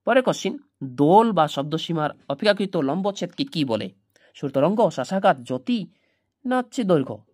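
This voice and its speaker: A woman's voice: fairly low pitch, sing-song, normal speed, a little mellow, husky, no room sound, studio quality. A woman teacher going through exam multiple-choice questions, stressing each new question with a rising lift and then stating the answer.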